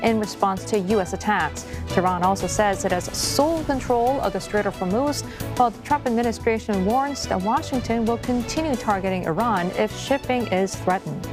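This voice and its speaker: A woman news anchor reading headlines in a crisp, measured way. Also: mid-range voice, lively intonation, music in the background.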